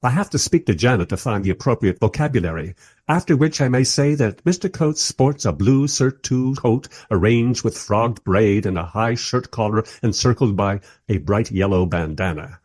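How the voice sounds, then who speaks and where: In a radio play, a man with a husky, slightly mellow, lowish voice plays a wry film director who is politely exasperated. He narrates through conversational asides at normal speed, sounding animated, in a dry recording.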